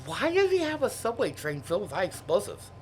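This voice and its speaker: A man's voice: sits high, wildly swooping pitch, brisk, a little hiss or hum. A man co-hosting a comedy show, reacting to a plot in an exasperated, mocking way. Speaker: co-host reacting to the script. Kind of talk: comedic banter.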